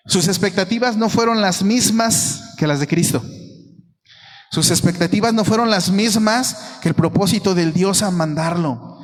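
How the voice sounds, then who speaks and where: Emphatic Mexican pastor in echoing church. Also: male voice, on the high side. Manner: emphatic, repeats phrases for stress. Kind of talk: sermon. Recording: long reverb of a church hall.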